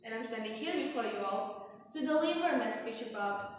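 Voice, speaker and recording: A woman's voice: a little high, animated. Echoing teenage Indonesian girl, stiff memorized speech. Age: teens. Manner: stiff, rehearsed declamation with deliberate emphatic pauses. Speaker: student speech contestant. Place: large echoey indoor room. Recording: echoey hall from far off, faint noise.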